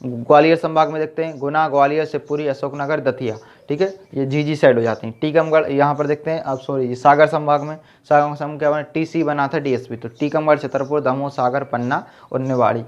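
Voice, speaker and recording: Male tutor, fairly high voice on a muffled recording, drills lists with constant check-ins. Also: steady tone, a little fast, hardly any pauses. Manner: repeats "ठीक है" and quizzes the viewer. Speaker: teacher. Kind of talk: exam-prep lesson with memory tricks. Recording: dull lo-fi sound.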